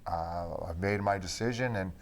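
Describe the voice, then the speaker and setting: A former hockey player reminiscing with old teammates in a relaxed way, filling his talk with "you know". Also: sits low, moderate pace. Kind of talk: reminiscing conversation.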